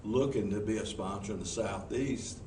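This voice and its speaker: Speaking at normal speed in a somewhat low, darkish voice, a Southern US professional speaker fields interview questions before a group gathered in a meeting room. His manner is folksy and earnest, with frequent restarts. The room echoes, the mic is distant, and there's noticeable noise.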